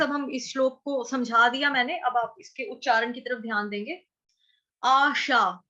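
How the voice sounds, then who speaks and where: A woman teaching Sanskrit verse pronunciation. She breaks each word into syllables, draws out slow chanted examples, and asks and answers her own questions. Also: a little high, pushed and bright, dull audio.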